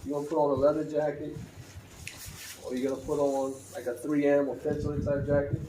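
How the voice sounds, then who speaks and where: A man's voice: fairly high pitch, little pitch movement, brisk, recorded from a distance, background noise. A man giving a casual, conversational gear review as a motorcycle vlogger, with easy fillers and restarts. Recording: roomy, from a bit off the mic, faint ambience.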